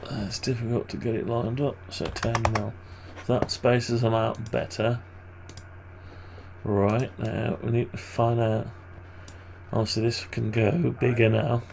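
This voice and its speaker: A man with a groggy, gravelly morning voice and vocal fry endings, giving casual, hesitant think-aloud commentary on his screen work. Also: mid-range voice, level tone, unhurried, noisy background. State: groggy morning voice, clearing throat. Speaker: maker narrating a design tutorial.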